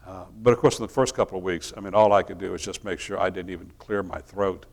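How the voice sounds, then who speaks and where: A middle-aged male minister tells a personal story in a relaxed, folksy sermon style, frequently restarting his sentences. His voice is deep and fast, with vocal fry.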